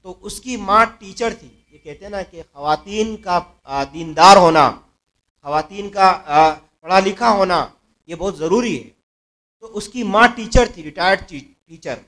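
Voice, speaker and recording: A man preaching a sermon to a mosque gathering, telling a moral story earnestly, repeating phrases and letting his voice swell louder at key points. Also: sits high. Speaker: mufti giving a religious talk.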